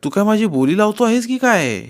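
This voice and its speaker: A man's voice: high voice, sing-song, a little fast, voice pushed up. A man voicing a wary, educated younger man who answers his friend's offers with surprise and doubt in a read-aloud novel. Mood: wary, doubtful.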